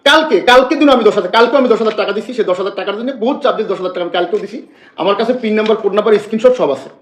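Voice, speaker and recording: A man rants on a live stream, circling back and repeating himself. His voice sits high and his words tumble out quickly. The room adds a noticeable echo. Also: slight background noise. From Bangladesh. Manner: agitated, repetitive, rambling. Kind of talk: emotional live-stream complaint.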